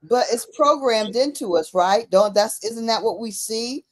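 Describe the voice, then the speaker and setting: A woman's voice: on the high side, animated, unhurried. A woman talking casually and emphatically, using slang and repeating phrases to drive her points home. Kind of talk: casual conversational commentary.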